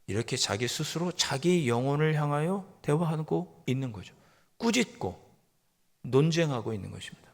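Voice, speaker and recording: A man, a pastor, preaching a sermon that moves from calm explanation to loud, rising rebukes. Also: fairly high pitch, moderate pace. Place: church sanctuary. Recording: long church hall reverb.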